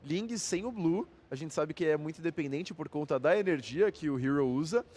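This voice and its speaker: A man's voice: a little high, expressive, brisk, darkish tone. A Brazilian man co-casting an esports match in a casual style, speaking to the viewers. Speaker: esports co-caster. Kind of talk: casual live commentary addressed to viewers. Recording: noisy ambience behind the voice.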